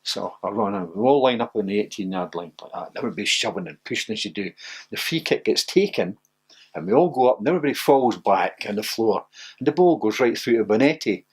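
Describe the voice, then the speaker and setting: An older man, a former footballer, telling stories in an interview with lots of laughter and rising excitement. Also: fast talker, husky. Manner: laughing anecdotal, gets loud and high when excited. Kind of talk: animated storytelling.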